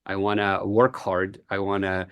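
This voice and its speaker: A low-pitched man from Egypt, speaking English as a guest on a podcast. He talks earnestly and thoughtfully, often pausing on "uh". The recording is dry and close. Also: flat delivery, smooth, dry recording, highs cut off. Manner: earnest, reflective, frequent "uh" fillers. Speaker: guest, entrepreneur. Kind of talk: podcast interview.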